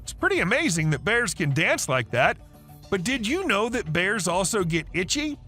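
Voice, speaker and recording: A man narrates wildlife videos in a high, bright voice with lots of melodic movement. He tells each story chattily, with asides to the listener, as music plays underneath. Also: sing-song, normal speed.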